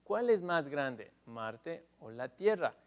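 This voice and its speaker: A slow, patient man in a televised English lesson, speaking a little high for a man. He takes each rule step by step and calls out the English example words with extra force and care. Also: sing-song. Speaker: English teacher.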